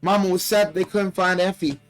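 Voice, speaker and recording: A man's voice: high-pitched, fairly even intonation, normal speed, faint music behind, pitched above the performer's own voice, natural voice. A man voicing a frightened little country girl reading her diary, plaintive and folksy, from a video game. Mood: plaintive, uneasy.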